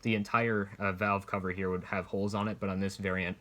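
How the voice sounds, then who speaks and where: Low-voiced man, casual rambling reviewer. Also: level tone, brisk, sharp tone. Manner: rambling, hesitant, hedging explanations. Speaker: collector reviewing military surplus gear. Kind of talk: casual unscripted show-and-tell review.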